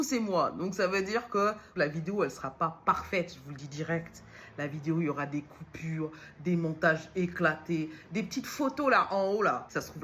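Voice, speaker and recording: Slightly bright though fairly low, this woman's voice carries a loose, direct-to-camera chat. A Lyon-born vlogger who has just started her own business, she skips between topics and teases herself as she goes.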